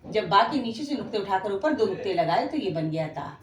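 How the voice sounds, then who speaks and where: A woman's voice: mid-range voice, animated, fairly quick. A woman teaching beginners to read Quranic letters, patiently drawing out each letter name for students to repeat, with a Pakistani Urdu accent. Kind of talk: slow beginner lesson, spelling out letters. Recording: echoey room, faint ambience.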